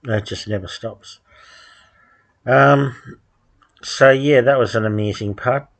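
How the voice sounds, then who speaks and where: A man, delivering a rambling solo monologue at home, halting with frequent ums and restarts and dry sardonic asides. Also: mid-range voice, fairly bright tone. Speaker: podcast host.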